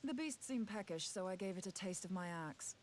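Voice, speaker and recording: Actress as plucky female scholar in a fantasy game: chatty, wry, animated intonation, mid pitch. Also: brisk, slight background noise, natural voice, rough recording. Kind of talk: scripted video game voice acting.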